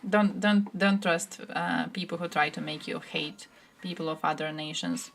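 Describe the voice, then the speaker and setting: A woman's voice: low-pitched, flat delivery, normal speed, vocal fry. A woman from Croatia streaming live, giving blunt, sarcastic political commentary and answering chat, swearing freely.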